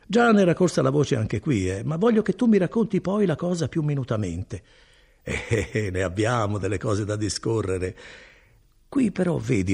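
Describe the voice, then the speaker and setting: A man's voice: vocal fry, slightly rough, heavily acted. A man voicing a good-hearted, talkative male cousin and foreman in an audiobook reading. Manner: chatty and animated, swinging between high and low.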